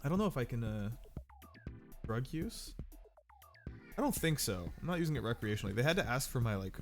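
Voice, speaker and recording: A man's voice: medium pitch, very animated, brisk, faint music behind. A sick man with a nasal, stuffed-up voice, rambling casually and self-deprecatingly while livestreaming a game, a little profane. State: sick with a cold. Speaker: game streamer.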